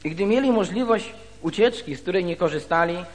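A man preaching a sermon in a church hall, his pitch sitting a little high and rising and falling a lot as he reads scripture and then explains it. The long reverb of the room trails behind each phrase. He moves slowly from reading to explaining. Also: expressive.

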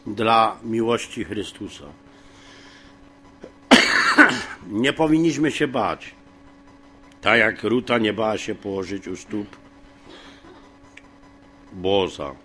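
A man teaching from the Bible in a homely, rambling way, with many fillers and frequent throat clearing. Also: medium pitch, takes it slowly, long pauses, fairly bright tone, faint music behind. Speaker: preacher.

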